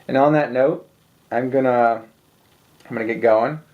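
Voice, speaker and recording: A man showing his baseball cards in a relaxed, rambling video, tired late at night with lots of ums. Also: mid-range voice, a little slow. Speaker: sports card collector showing his cards. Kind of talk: casual solo video. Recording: dull lo-fi home recording.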